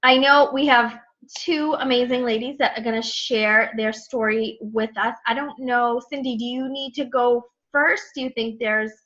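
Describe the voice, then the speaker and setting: Female host for an online group call, somewhat high-pitched, chatty and informal, slightly dull sound. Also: fairly even intonation, moderate pace, hardly any pauses, fairly bright tone. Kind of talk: casual, chatty hosting. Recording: muffled lo-fi online call audio.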